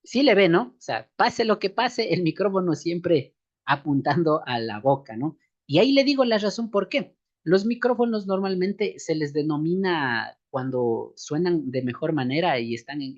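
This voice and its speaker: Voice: mid-range voice, muffled recording. A seminary instructor lecturing a church class on microphone technique, often ending phrases with questioning asides and calling listeners beloved brothers and sisters. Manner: frequent questioning tag asides to students.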